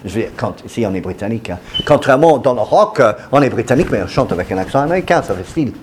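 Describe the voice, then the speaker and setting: A man explaining song lyrics and punk culture in a halting way, full of fillers and restarts. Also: mid-range voice, very animated, a little hiss or hum. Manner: hesitant, many fillers and restarts. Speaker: lecturer on punk music. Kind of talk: explanatory talk.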